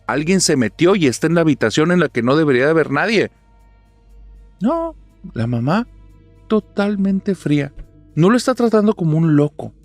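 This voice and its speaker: A man narrating a spoken horror story in a dramatic manner, dropping to a hush at tense moments. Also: mid-range voice, dry recording. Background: faint music.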